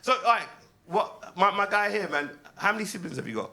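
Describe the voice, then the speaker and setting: A British man, performing a stand-up comedy set, swinging between low deadpan asides and loud laughing punchlines. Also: a little fast. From United Kingdom.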